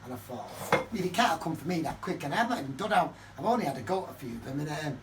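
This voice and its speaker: An older man, from Manchester, telling a story to camera in his flat, swearing constantly and ranting heatedly. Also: fairly high pitch, quick pace. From Manchester, England. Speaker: vlogger. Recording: distant mic with faint background noise.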